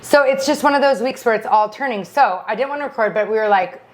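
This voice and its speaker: A woman's voice: a little high, fast talker. A woman co-hosting a podcast, chatting casually in a rambling way full of "like". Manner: rambling, filler-heavy chatter with lots of "like". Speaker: podcast co-host. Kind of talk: casual chat.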